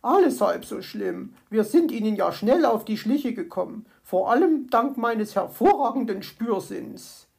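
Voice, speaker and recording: A woman voicing a bossy, motherly female magpie nurse who talks in a brisk, self-satisfied way. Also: fairly high pitch, expressive, gravelly, darkish tone. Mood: fussing.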